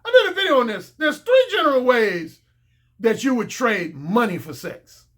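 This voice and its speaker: A man's voice: very high voice, big pitch swings, moderate pace, fairly bright tone. A man giving a casual, opinionated video monologue as a dating coach, confident and blunt, repeating points for emphasis.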